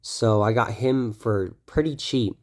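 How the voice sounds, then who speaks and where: Taking it slowly at medium pitch, a young man casually presents his toy collection, a bit stuffy from a cold. He rambles, often saying um and correcting himself.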